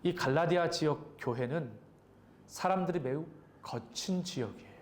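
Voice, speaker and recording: Man preaching, conversational, a bit high. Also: normal speed. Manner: conversational, asks the congregation questions. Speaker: pastor. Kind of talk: sermon. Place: church sanctuary.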